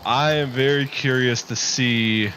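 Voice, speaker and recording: A man's voice: medium pitch, steady tone, a little slow, slight background noise. A man streaming, chatting offhandedly with casual asides while reacting to a game showcase. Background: loud game showcase music.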